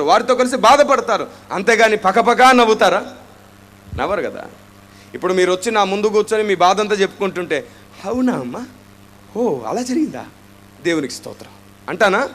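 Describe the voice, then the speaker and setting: A high-pitched male preacher with a Telugu accent delivers a sermon. He keeps throwing rhetorical questions at the congregation and slips into dramatic voices when he acts out their prayers. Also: fairly bright tone.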